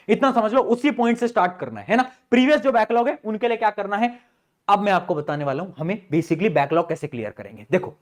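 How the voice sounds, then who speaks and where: Male teacher, high voice, fatherly and direct with students, poses questions and answers them, coaching tone. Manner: coaxing, asks rhetorical questions and answers them; calls students "beta", informal and direct. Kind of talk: study-planning advice to students.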